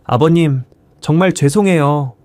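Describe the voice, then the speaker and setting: A man's voice: fairly high pitch, unhurried, a little mellow, no room sound, natural voice. A man voicing a tearful daughter-in-law who pleads and begs forgiveness. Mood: pleading. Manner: pleading, sobbing.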